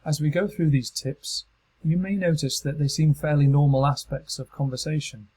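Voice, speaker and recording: A man with a British accent giving calm, measured, scripted narration for a training module. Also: medium pitch, breathy edge, poor audio. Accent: British English. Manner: calm, measured instructional delivery.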